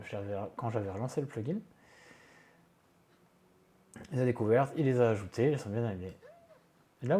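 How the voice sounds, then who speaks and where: A man's voice: medium pitch, warm tone. A man talking through a casual screen-recorded tech tutorial from his home office, chatty and self-mocking, with many fillers and asides. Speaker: tech video creator.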